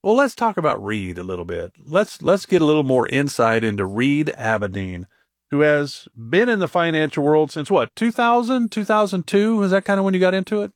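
A man hosting a radio talk show, asking his guest upbeat rapid questions and reading out a phone number. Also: fairly high pitch, big pitch swings, no echo, studio quality.

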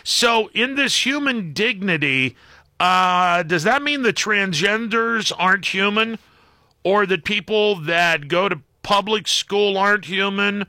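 An American man hosts a radio call-in show from a studio, his high voice bright and forceful with lively intonation and a slow pace, recorded dry on a close microphone. He chats casually with callers and through his monologue in a wry, hesitant, conversational manner.

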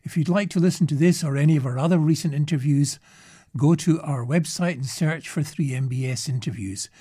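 Mellow husky man station announcer. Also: a little high, brisk. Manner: reads details and web addresses plainly. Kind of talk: scripted announcement.

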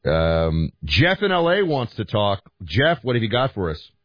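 An American man hosting a talk radio show, thinking aloud in halting commentary, his throat hoarse and scratchy from talking late. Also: lowish voice, big pitch swings. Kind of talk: conversational political commentary with listener calls. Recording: roomy echo, slightly dull audio.

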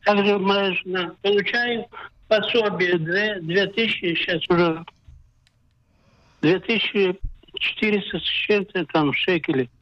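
An older man calling in to a radio show over a crackly phone line that keeps cutting out, talking haltingly and checking that he can be heard. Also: high voice. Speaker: caller. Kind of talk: radio call-in question. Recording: dull, breaking-up phone call.

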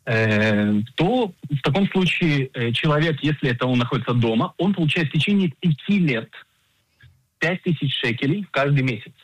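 Man, forties, insurance agent, husky, dry sound, measured, hesitant, explanatory. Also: mid-range voice, expressive, no room sound, rough recording. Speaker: insurance agent and financial planner. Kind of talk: radio interview, explaining insurance.

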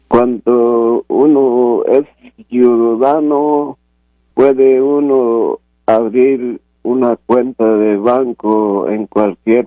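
A man's voice: medium pitch, no room sound. Hesitant Guatemalan man on a phone line. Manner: hesitant, halting. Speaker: caller. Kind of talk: phone-in question.

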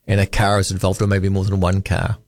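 A man's voice: low-pitched, monotone, fairly quick, no room sound. A man hosting a late-night talkback radio show, chatting and bantering with callers. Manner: chatty, warm-hearted banter, restarts. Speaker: radio host. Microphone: studio microphone.

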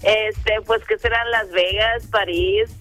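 A woman's voice: mid-range voice, steady tone, slow pace, fairly bright tone, faint music behind. A woman, phoning into a radio show and cheerfully reeling off long lists of names. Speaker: caller. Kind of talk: phone call to a radio show.

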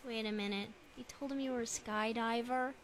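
An actress playing a supportive but exasperated young best friend, animated and emphatic, in a family radio drama. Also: female voice, a little high, fairly quick, a little hiss or hum, natural voice.

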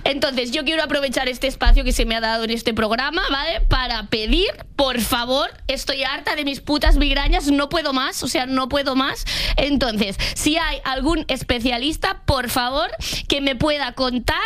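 A woman co-hosting a comedy radio show, chatting in a deadpan, self-mocking way. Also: sits high, normal speed. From Barcelona area.

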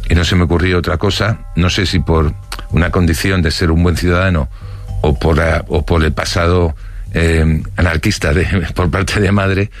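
A man's voice: sits low, steady tone, moderate pace, soft background music. A middle-aged man from Barcelona telling stories from his childhood in an interview, hesitating often with fillers and restarts. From Barcelona, Spain. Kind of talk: recounting life stories.

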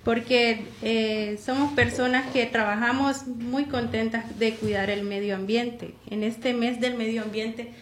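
A woman's voice: on the high side, steady tone, unhurried, hardly any pauses, roomy sound, slight background noise. A woman from Honduras hosting a radio talk show from a studio booth, speaking with frequent fillers and restarts. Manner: hesitant, many fillers and restarts. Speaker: radio host.

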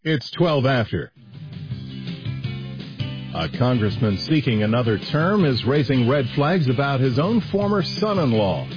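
A man reading the news in a measured, even anchor delivery, heard as a broadcast taped off the radio. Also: medium pitch. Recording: dull radio broadcast with faint music.

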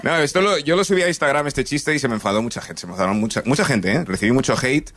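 A man's voice: mid-range voice, lively intonation, very fast, fairly bright tone. A young man from Nigeria performing a stand-up comedy set on stage, telling stories in a laid-back way and laughing at his own jokes. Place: comedy stage with live audience.

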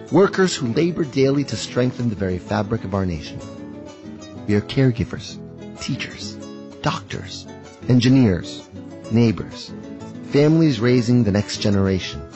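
A man's voice: mid-range voice, expressive, moderate pace, lo-fi sound, music in the background. A man reading a scripted public-service announcement as a commercial announcer.

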